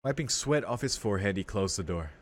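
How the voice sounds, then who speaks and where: Talking fast and expressively, this low-voiced man streams a visual novel playthrough, dramatically reading its text and reacting with casual slang. Game music sits behind his voice.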